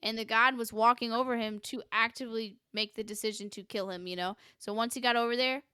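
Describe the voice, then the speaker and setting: A young woman co-hosting a casual podcast, animated and acting out characters as she talks. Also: on the high side, brisk, clean tone, no echo, studio quality. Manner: animated, acts out characters in quotes. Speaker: podcast co-host. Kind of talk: casual chat about a film.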